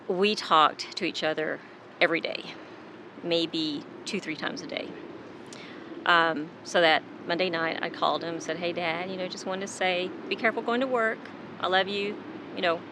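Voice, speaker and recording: A woman speaking in an interview, her voice low-set yet bright and forceful. She relives a painful night in vivid detail, emotion rising through her words. A faint background hum sits under the recording. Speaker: daughter of a victim. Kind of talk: interview recollection.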